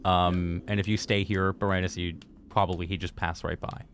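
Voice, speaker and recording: A man runs a tabletop game, improvising scenes and giving rulings. His voice is on the low side. Faint noise and room ambience sit behind him. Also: little pitch movement, moderate pace. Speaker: game master.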